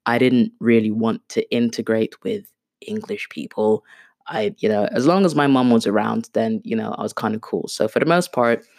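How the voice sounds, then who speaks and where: In a studio-quality recording with no room sound, this thirties-aged woman speaks in a bass voice at a moderate pace, her tone darkish. Born in Kenya and a native Swahili speaker, she hosts a podcast off the cuff, rambling in a chatty, self-deprecating way with many fillers.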